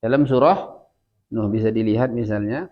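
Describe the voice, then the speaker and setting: A man with an Indonesian accent teaching an Arabic lesson, slowly drilling words for students to repeat and then explaining casually with light laughs. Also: lowish voice, dull audio. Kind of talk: classroom language lesson.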